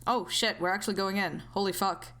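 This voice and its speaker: A woman's voice: mid-range voice, fairly even intonation, a little fast, fairly bright tone. A woman doing casual gameplay commentary, playful and sweary, talking to herself as she goes. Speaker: game streamer reading story scenes aloud.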